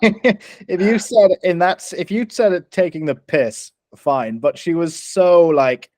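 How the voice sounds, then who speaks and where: Irish man, podcast co-host, storytelling, animated quoting, profane, dry recording. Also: high voice, unhurried, dry recording. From Ireland. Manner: animated anecdotes, acts out quotes, swears freely. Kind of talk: casual storytelling chat.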